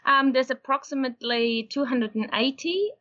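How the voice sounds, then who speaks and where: Calm woman from Austria, muffled call audio. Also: sits high. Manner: steady, explanatory, unhurried. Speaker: guest, horse breeder. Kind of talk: casual interview.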